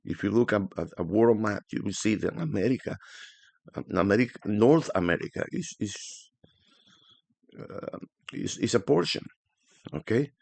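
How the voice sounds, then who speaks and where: Gravelly man with a thick Spanish accent. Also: on the low side, normal speed, pauses often, no room sound. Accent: Spanish-speaking. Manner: animated, hyping, chatty with many fillers. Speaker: forex analysis channel host. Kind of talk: casual market commentary to camera.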